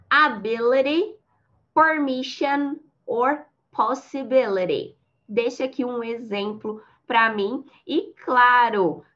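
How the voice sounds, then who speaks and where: Slow, high-voiced woman teaching. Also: fairly bright tone. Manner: slow, careful model sentences in English. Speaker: English teacher. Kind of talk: online English lesson. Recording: slightly dull lo-fi sound.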